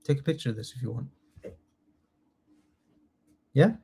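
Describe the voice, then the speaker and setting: A man teaching a live online class, lively and coaxing, repeating key words slowly for his students. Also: medium pitch, husky. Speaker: test training tutor.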